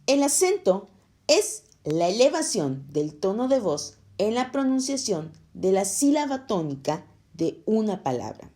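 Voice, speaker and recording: Woman teacher reading a kids lesson, slow and careful, mellow voice that moves a lot. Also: mid-range voice, sing-song. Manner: slow, clear, explaining to children. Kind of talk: scripted lesson narration.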